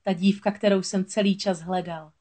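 An earnest young prince speaks in a soft, sincere voice, as a woman reads him in a storybook. He sounds gentle but resolute. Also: medium pitch, fairly even intonation, close to an everyday voice. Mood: tender. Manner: tender, determined.

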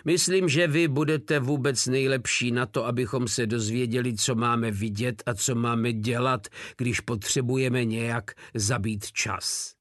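A man's voice: mid-range voice, fairly even intonation, few pauses, a bit bright, dry recording, studio quality, close to an everyday voice. A man voicing a sly, teasing soldier who speaks with mock politeness in a storybook reading. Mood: mock-polite. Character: sly mocking male soldier, joker.

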